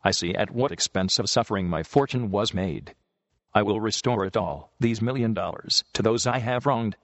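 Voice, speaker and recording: A man voicing a wealthy, contrite grown son in a read-aloud story, speaking in deep, solemn tones. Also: moderate pace, a bit bright, long reverb tail, muffled recording.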